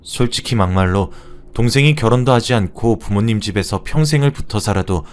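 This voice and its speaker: A man's voice: lowish voice, brisk. A man tells a dramatized first-person story, narrating and speaking his own lines in the scenes.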